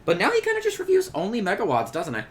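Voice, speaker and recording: A man's voice: high-pitched, huge pitch swings, a little hiss or hum. Chatty man joking over a video. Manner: chatty, joking, with many fillers and quick asides. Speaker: reaction video host. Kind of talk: casual commentary over a video.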